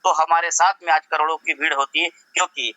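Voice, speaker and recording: A man's voice: a little high, fairly even intonation, brisk, sharp tone, dry recording, dull audio. A man presenting a business plan to his audience, asking rhetorical questions and repeating phrases for emphasis. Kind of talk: promotional presentation.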